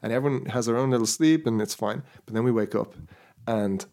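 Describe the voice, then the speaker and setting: A man's voice: medium pitch, brisk, a little mellow. A man co-hosting a podcast, spinning a rambling story in casual chat with many restarts. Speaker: podcast co-host.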